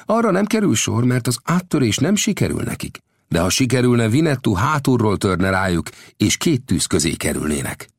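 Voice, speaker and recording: A gruff old scout of the frontier, proud and blunt, speaking up high and loud, as a male narrator puts him on. The voice rides well above the reader's own low register with a commanding edge. The recording is dry and close, with no room sound. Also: big pitch swings, no echo. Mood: knowing. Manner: commanding, raised voice.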